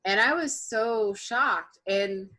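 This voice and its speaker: A woman on a panel, telling a story in an animated way, laughing and restarting her sentences. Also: mid-range voice, takes it slowly.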